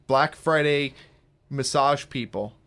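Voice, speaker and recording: A man hosting a radio talk show, pitching services with energy and joking with guests. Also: slow, gravelly, a bit bright. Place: radio studio. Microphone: studio mic.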